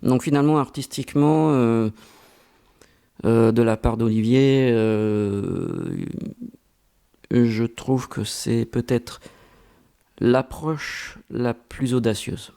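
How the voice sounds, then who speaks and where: Man in an interview, slow and hesitant, low mellow voice, keeps stopping to think. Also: fairly even intonation, creaky, clear, resonant tone. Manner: slow and halting, many hesitations and repeated words. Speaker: interviewee, amateur voice actor. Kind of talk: reflective interview answers.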